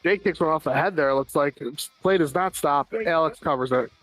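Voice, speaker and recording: A man's voice: a little high, a bit bright, soft background music. An American man calling a floor hockey game play by play, running through passes and shots with dry asides. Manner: rapid running call of plays with dry asides. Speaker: play-by-play commentator. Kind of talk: amateur live sports commentary.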